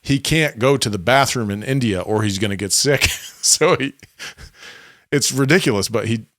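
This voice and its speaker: A man's voice: medium pitch, moderate pace, a bit bright, dry recording. Rambling enthusiastic man, dry close mic. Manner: rambling, enthusiastic retelling with many restarts. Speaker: podcast co-host. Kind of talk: casual chat.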